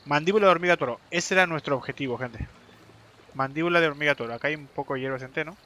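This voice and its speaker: Bright-voiced gamer, excitable commentary. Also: male voice, on the high side, very fast, a little hiss or hum. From Argentina. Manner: chatty, keeps addressing viewers, swears and yelps in fights. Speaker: game streamer. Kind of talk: live gameplay commentary.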